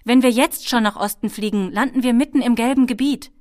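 A woman's voice: on the high side, fast, darkish tone, no echo, studio quality, voice pushed up, natural voice. A woman voicing an earnest, insistent young boy in an audiobook.

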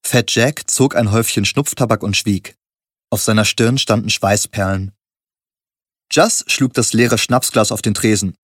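A man giving a steady, measured first-person audiobook narration. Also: on the low side, dry recording, studio quality.

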